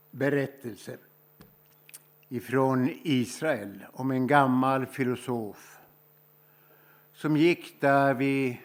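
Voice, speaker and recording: A man from Sweden preaching a sermon, telling stories slowly and reflectively, with emphatic pauses. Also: mid-range voice.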